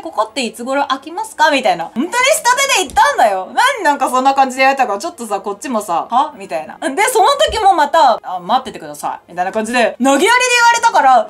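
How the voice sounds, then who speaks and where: A young woman chatting casually in her vlog, telling stories in an animated way and exclaiming often. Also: sits high. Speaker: YouTuber.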